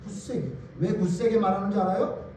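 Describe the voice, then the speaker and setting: A man's voice: high voice, steady tone, brisk, dark tone, a little hiss or hum. A male pastor preaching a sermon, emphatic, firing rhetorical questions at the congregation. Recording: very echoey hall, voice from far off.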